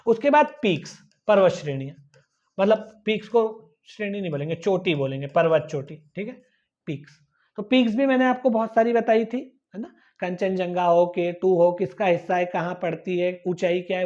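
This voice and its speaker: A woman's voice: on the low side, animated, moderate pace, darkish tone. A woman teaching an exam-prep lecture, patiently repeating key points and checking in with her students. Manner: patient, repetitive, checks in with "ठीक है ना". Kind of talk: recorded lecture explaining a map. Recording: dull lo-fi recording.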